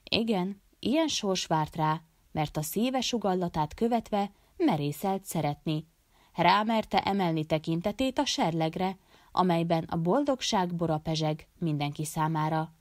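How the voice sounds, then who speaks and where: A woman narrating an audiobook in a steady, measured reading voice. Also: lowish voice, dry recording, studio quality. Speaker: audiobook reader.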